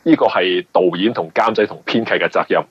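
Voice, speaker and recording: A mystery novelist with a Hong Kong accent gives casual interview answers, explaining at length and frequently rephrasing. His fairly low voice is brisk with a breathy edge and no room sound. The audio is dull, lo-fi radio interview quality.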